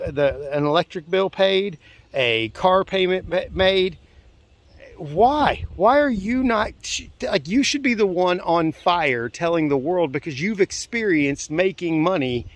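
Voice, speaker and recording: Emphatic preachy man, slightly high voice. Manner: casual, chatty. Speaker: network marketing team leader. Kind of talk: motivational call talk.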